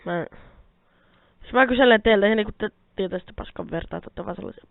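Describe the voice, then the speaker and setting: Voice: mid-range voice, vocal fry, no echo. A young-sounding gamer chatters through a let's play, cursing and grumbling as things go wrong. The sound is thin and phone-like, from a mic held close, completely dry with keyboard clicks in the background. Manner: swears a lot, grumbles at the game; rambling, self-talking, addresses viewers. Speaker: Minecraft let's player. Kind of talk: casual gameplay commentary. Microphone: quiet mic held close.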